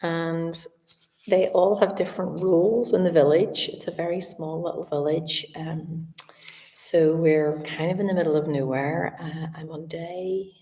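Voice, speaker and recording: A middle-aged woman with a slight slushy lisp from a retainer, chatting casually on a livestream in a reflective, halting way. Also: low-pitched, fairly even intonation, warm tone. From Northern Ireland. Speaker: artist and art teacher hosting a live Q&A. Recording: echoey room, distant from the mic.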